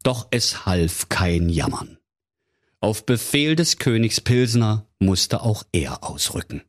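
A man's voice: lowish voice, animated, slow pace. A man narrating a humorous fairy tale for children in a playful, theatrical way. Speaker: storyteller.

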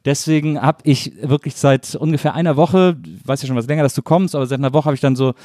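A man's voice: fairly high pitch, fairly even intonation, fast talker, warm tone, dry recording, clean studio sound. A man hosting a podcast, chatting loosely with many fillers and restarts. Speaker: podcast host. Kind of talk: casual podcast chat.

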